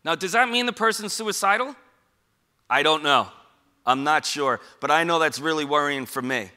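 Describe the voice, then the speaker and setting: In a slightly high, bright voice with a forceful edge, a middle-aged New Yorker from Queens addresses an audience about suicide prevention. He's expressive and keeps a normal pace. His informal, emphatic style leans heavily on rhetorical questions.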